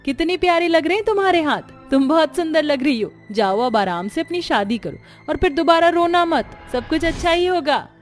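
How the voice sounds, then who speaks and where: A woman's voice: high-pitched, lively intonation, moderate pace, hardly any pauses, pitched above the performer's own voice. A woman voicing a poor, hardworking young bangle seller who speaks in an earnest, kind way, over faint music. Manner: bright, earnest, street-vendor calls.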